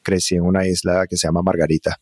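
Deep-voiced man from Venezuela. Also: fast talker, dry recording, clean studio sound. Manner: relaxed, reflective storytelling with fillers. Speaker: guest, psychedelic facilitator. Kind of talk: conversational interview.

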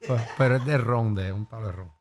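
A man's voice: lowish voice, a little hiss or hum. A man with a Puerto Rican accent hosting a radio show, joking and teasing the callers. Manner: teasing, joking quick asides. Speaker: radio host. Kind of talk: comedic radio banter.

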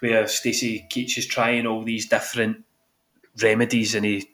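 Scottish dude hosting a movie podcast, laid back, asks the others what they thought. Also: male voice, on the low side, flat delivery, normal speed, fairly bright tone. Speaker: podcast host. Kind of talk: casual film chat.

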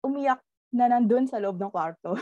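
A woman's voice: on the high side, normal speed, dry recording. Woman telling a ghost story, laughing. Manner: animated, laughs often while telling. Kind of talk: casual ghost story chat. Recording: slightly dull lo-fi audio.

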